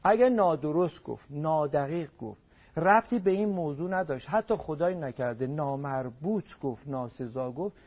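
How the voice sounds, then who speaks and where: A man's voice: on the high side, expressive, slightly rough. A man on a radio program as a family counselor, giving marriage advice in an emphatic way and repeating words for stress. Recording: dull lo-fi radio broadcast.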